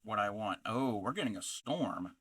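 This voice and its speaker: A man from North America hosting a casual crafting livestream, talking in a halting, distracted way as he reads out chat messages. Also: lowish voice, animated, bright, forceful tone, slightly rough. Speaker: livestream host of a craft channel.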